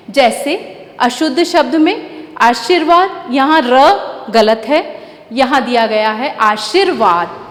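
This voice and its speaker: A woman teaching a grammar lesson to children, slowly repeating and correcting each word. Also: sits high. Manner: slow, deliberate, repeats and spells out words. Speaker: school teacher. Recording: echoey room with long reverb.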